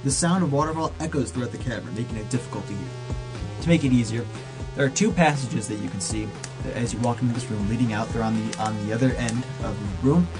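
A man narrating as game master of a tabletop role-playing game, describing scenes in a relaxed, chatty way and laughing easily. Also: medium pitch, quick pace, rough recording. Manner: relaxed, laughs often, restarts phrases. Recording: music clearly behind the voice.

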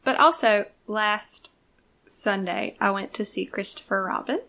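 A woman's voice: medium pitch, animated, unhurried, sharp tone. A woman co-hosting a fan podcast, chatting casually in a dry, easygoing way. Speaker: podcast co-host.

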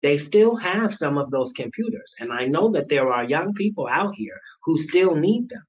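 Man, husky voice, earnest, repeats phrases for emphasis, panel talk by a fireplace. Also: on the high side, big pitch swings, normal speed, low-quality recording. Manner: earnest, repetitive, building to emphatic declarations. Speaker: nonprofit CEO and school board candidate. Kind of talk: passionate advocacy in a casual panel chat. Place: indoor room beside a fireplace.

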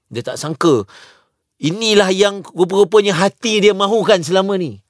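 A man's voice: sits high, moderate pace, dry recording, studio quality. A man with a Malaysian Malay accent, co-hosting a casual podcast chat and telling stories animatedly, mixing in English words. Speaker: co-host.

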